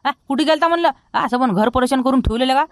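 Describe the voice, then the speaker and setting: A man playing a high, quick scolding villager. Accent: Vidarbha Marathi. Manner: scolding, rapid and loud. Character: fussy broke village man, always scolding. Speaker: villager in comedy sketch. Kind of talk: rustic comedy sketch acting.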